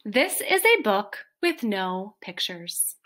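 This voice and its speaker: A woman's voice: mid-range voice, big pitch swings, slow pace, a bit bright, a little hiss or hum. A woman teacher reading a picture book aloud to children with playful, mock-dismayed reactions.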